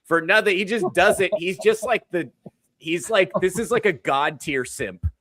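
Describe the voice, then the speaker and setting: A man's voice: high voice, moderate pace, pushed and bright, no echo. A man hosting a comedy podcast, ranting animatedly about clips and swearing freely. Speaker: podcast host.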